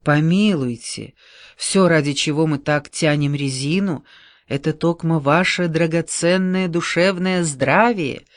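Man voicing a flustered gentle giant. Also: fairly high pitch, no echo, studio quality, lightly acted. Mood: tender. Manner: slow, hesitant, breathless delivery.

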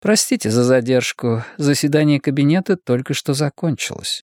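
A man voicing a stern woman head of government who speaks in a measured, authoritative way. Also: very deep voice, expressive, dry recording, studio quality, voice pushed up. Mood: quietly probing. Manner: measured, authoritative, quietly commanding. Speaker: political leader.

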